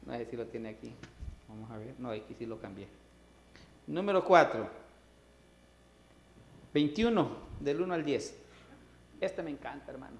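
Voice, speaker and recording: A male pastor preaching a sermon, swinging between loud, emphatic lines and soft asides. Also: medium pitch, normal speed, pauses often, slight background noise. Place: church sanctuary. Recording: roomy church reverb.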